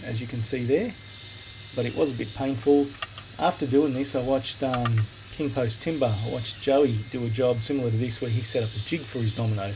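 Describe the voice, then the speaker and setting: Australian woodworker narrating his build, gravelly voice, captured on a hissy phone recorder app, relaxed step-by-step delivery. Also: mid-range voice. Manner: relaxed, plain-spoken, explains step by step. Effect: recorded on a phone voice recorder app instead of a microphone. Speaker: woodworking video maker. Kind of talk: casual voice-over explaining a workshop build. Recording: noisy phone voice-memo recording.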